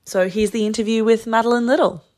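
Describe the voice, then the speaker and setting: A woman's voice: on the high side, steady tone, quick pace, darkish tone. An Australian woman hosting a podcast, presenting a prepared introduction straight to the listeners. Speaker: podcast host.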